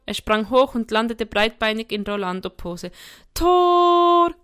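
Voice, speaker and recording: A woman reading a first-person story aloud in a lively, expressive way. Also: mid-range voice, moderate pace, clear, resonant tone. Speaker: audiobook reader. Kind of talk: first-person scripted narration.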